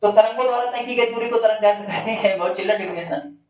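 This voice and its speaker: A man teaching a classroom lesson. He fires off questions and answers them himself, dropping lower each time. His voice comes from some distance off in a roomy, echoing space, and the recording sounds dull. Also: quick pace, darkish tone. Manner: addresses students as bhaiya and bachche. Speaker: physics teacher.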